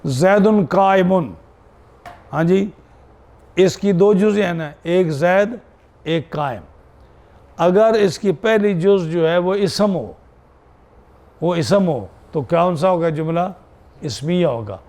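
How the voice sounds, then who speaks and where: A man's voice: sits high, pauses often, darkish tone. A man teaching a classroom lesson on Arabic grammar, repeating key terms and checking in with his students.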